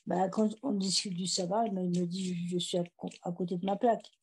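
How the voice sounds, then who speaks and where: A woman's voice: on the low side, steady tone, fairly quick, darkish tone, husky. A woman joining a casual Bible study discussion over an online voice chat, hesitant, with many fillers and restarts. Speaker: study participant.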